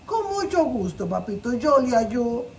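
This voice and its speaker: A woman with a Costa Rican accent voicing a big, bossy female whale who scolds in a high, shrill voice. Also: sing-song, unhurried. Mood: kindly. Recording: distant mic with faint noise.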